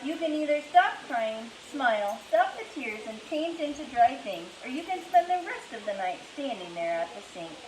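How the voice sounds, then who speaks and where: A woman's voice: high voice, big pitch swings, moderate pace, few pauses, echoey room, slight background noise, voice pushed up, rough recording. A woman voicing a stern, dry-witted father in a storybook reading. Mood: cold. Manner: cold, dry.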